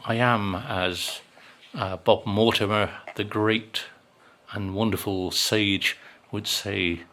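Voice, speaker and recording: A man's voice: on the low side, fairly even intonation, slow pace, a bit bright. A man in his sixties chatting casually to camera as a vlogger, rambling and wry with lots of ums. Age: 60s.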